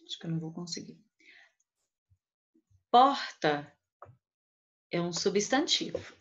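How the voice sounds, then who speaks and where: A woman teacher giving a poetry lesson, counting out the syllables of each verse slowly and one by one. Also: lowish voice, lively intonation. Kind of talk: online class on poetry. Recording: dull lo-fi recording.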